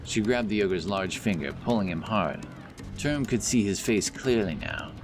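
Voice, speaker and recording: With a lowish, expressive voice, a male audiobook narrator reads a fantasy script at a moderate pace. Music and effects run underneath the reading.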